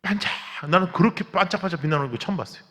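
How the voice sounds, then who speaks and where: A man preaching a revival sermon as pastor, telling stories with lively acted-out quotes and cries. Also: high-pitched, very fast. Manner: animated storytelling, acts out quotes and cries. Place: large church sanctuary. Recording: long church hall reverb.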